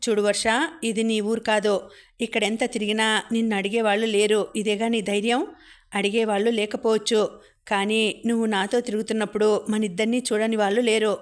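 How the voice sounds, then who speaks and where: A woman's voice: medium pitch, level tone, brisk, lightly acted. A woman reading the lines of a jealous, possessive young man who sneers and threatens, in a spoken storybook. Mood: menacing.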